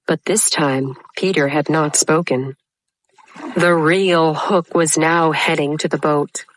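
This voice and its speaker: A woman narrating a storybook in a calm, measured way. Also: low voice, no room sound.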